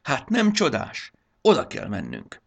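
A man voicing a playful, carefree creature girl who talks excitedly in a husky voice. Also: deep voice. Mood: delighted. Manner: bubbly, excited.

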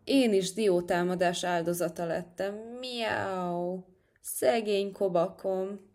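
A woman voicing a gentle young female cat with a sweet, plaintive manner. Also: on the low side, natural voice.

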